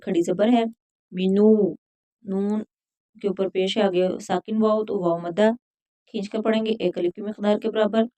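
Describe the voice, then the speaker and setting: A woman teaching Quran recitation rules, chanting verses slowly and then explaining each letter in plain talk. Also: mid-range voice, darkish tone. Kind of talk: recitation and tajweed instruction.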